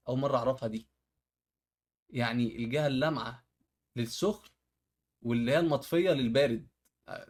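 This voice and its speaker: A man from Egypt with an Egyptian accent, reacting to home-hack videos in casual commentary and often exclaiming at the tricks. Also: medium pitch. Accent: Egyptian Arabic.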